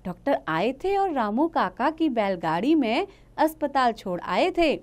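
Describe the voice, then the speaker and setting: A woman's voice: high voice, very animated, measured pace, darkish tone, voice pushed up. A woman voicing a polite, helpful young schoolgirl classmate.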